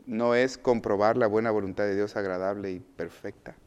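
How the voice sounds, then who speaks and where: A man preaching a sermon as pastor, asking the congregation questions and answering them himself, swinging between loud emphatic phrases and quiet asides. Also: lowish voice, steady tone, normal speed, smooth, highs cut off.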